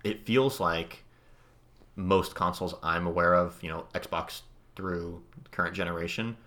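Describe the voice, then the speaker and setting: A man with a notably low voice talks casually on a podcast. He hedges, restarts his sentences and slips into dry sarcasm. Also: measured pace, pushed and bright. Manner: sarcastic, hedging, restarts often. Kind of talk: casual chat.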